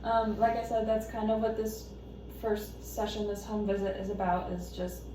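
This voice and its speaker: A calm, supportive female therapist, played by a woman in a role-play, recorded from far off in a very echoey room. She probes gently and a little hesitantly, with clear background noise behind her. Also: mid-range voice, moderate pace, close to an everyday voice. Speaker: therapist on a home visit. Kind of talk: role-play counselling session. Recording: echoey room, distant mic, noisy background.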